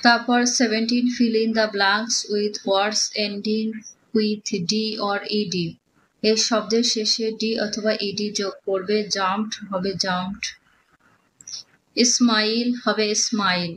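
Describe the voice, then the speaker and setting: A woman teacher going through exam answers, reading English questions slowly and explaining them in Bengali. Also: medium pitch, a little hiss or hum, poor audio.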